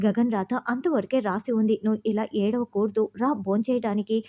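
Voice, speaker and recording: A worried sister coaxes a grieving girl to eat, voiced by a woman narrator. The voice is mellow and fairly high. The audio is muffled and lo-fi. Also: fairly even intonation, moderate pace, close to an everyday voice. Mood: coaxing. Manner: coaxing, pleading. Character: worried sister coaxing family. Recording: dull lo-fi audio.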